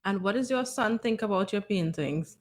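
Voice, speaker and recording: A woman's voice: mid-range voice, animated, normal speed. A woman hosting a podcast, chatting casually and encouragingly with a guest over a video call. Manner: chatty, encouraging, lots of affirming "mm-hmm". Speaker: podcast host.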